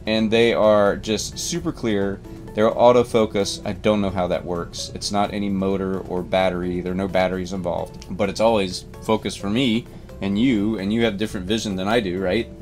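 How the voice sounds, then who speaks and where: A relaxed man in his forties talks through his favorite boat gear from the cabin, his voice sitting on the low side. He rambles easily and seems amused at himself, with faint music running under the recording. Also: normal speed. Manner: easygoing, rambling, self-amused. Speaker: boat captain and channel host. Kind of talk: casual product rundown. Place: inside a boat cabin with big windows.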